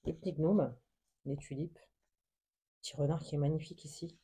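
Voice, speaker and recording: A woman leafs through a craft haul in a casual vlog, talking softly and hesitantly with many fillers. Her voice is very dark and mellow, with a husky, breathy grain. She gushes over every small detail. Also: deep voice, steady tone, moderate pace. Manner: soft, hesitant, many fillers, gushing with endless diminutives. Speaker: craft vlogger. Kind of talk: casual show-and-tell of a book haul.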